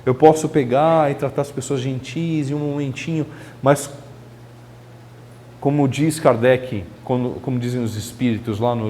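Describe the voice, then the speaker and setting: A man's voice: medium pitch, darkish tone, big-room sound, slight background noise. A man giving a spiritist lecture in a chatty way, asking the audience rhetorical questions. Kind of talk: religious lecture. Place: lecture hall of a spiritist center.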